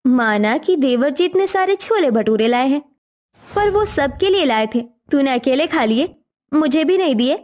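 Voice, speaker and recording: A woman's voice: high-pitched, expressive, normal speed, darkish tone. A woman voicing a bossy elder daughter-in-law in a cartoon story, teasing her younger sister-in-law.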